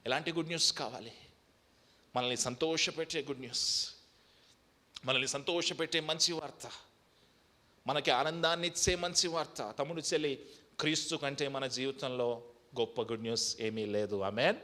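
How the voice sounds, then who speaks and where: A man preaching a sermon as pastor, moving between loud, high calls to the congregation and quiet, personal testimony, with English phrases mixed in. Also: moderate pace, pauses often.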